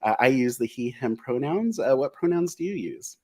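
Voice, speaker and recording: A man's voice: mid-range voice, expressive, normal speed, dark tone. A man hosting a live-streamed interview, upbeat and effusive, with frequent ums and uhs. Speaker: host.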